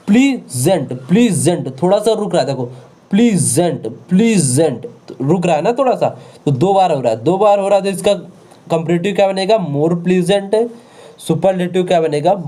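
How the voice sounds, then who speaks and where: Guy teaching grammar online, repeats stuff a lot, kinda high but mellow voice. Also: animated, moderate pace. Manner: repetitive, drilling words over and over; checks in with rhetorical questions.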